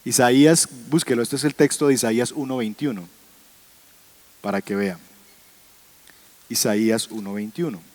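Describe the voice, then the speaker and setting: A man's voice: mid-range voice, normal speed, long pauses, a little mellow. Man, Bible teacher, classroom lecture, conversational, asks the class questions.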